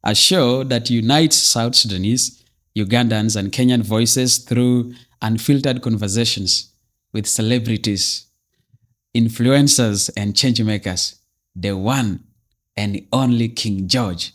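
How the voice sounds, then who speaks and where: A man's voice: mid-range voice, slow, fairly bright tone. A man hosting a podcast interview, opening with a polished welcome and chatting casually with his guest. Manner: polished scripted intro, then casual chat. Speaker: podcast host.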